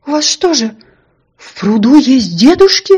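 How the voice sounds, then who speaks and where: A woman's voice: high voice, sing-song, measured pace, darkish tone, husky, lo-fi sound, voice pushed up, heavily acted. A woman voicing a naive, anxious little male donkey in a storybook reading, earnest and easily alarmed.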